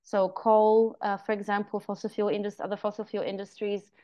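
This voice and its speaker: A woman's voice: medium pitch, flat delivery, a little fast, dark tone, dull audio. A woman researcher answering interview questions on a podcast, explaining carefully with frequent ums and uhs. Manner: careful, explanatory, many um and uh fillers. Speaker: guest researcher.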